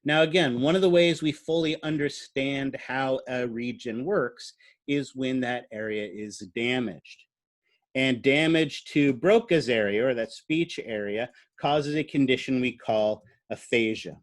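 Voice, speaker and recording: A male lecturer teaching a class in an easygoing, conversational way. He speaks at a middling pitch, uses frequent "uh"s and turns to the students with questions. He sounds like an ordinary classroom talk. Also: measured pace. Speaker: biology lecturer.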